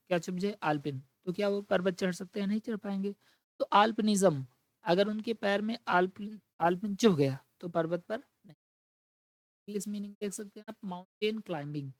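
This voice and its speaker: A mid-pitched woman runs an exam-prep vocabulary lesson. She explains patiently, answers her own rhetorical questions, and reads each English definition slowly. The recording is close and dry, with no room sound. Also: dry recording.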